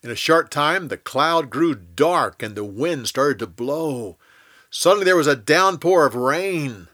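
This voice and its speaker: Male storyteller reading a Bible story, slow, lively intonation, dry close mic. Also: a little high, no room sound.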